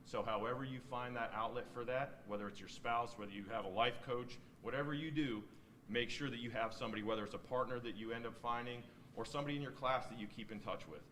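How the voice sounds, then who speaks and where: A man's voice: medium pitch, fast, a bit bright, slight background noise. A middle-aged American man, a senior police officer, giving an informal, plain-spoken, encouraging speech to new recruits. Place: indoor ceremony venue.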